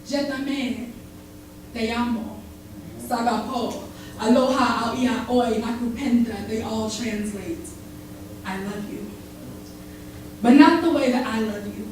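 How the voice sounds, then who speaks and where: A woman's voice: on the high side, slow, long pauses, background noise. A woman performing spoken word poetry live, with a rhythmic, dramatic delivery that rises and drops. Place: barbershop, live event. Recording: echoey live room recording from far off.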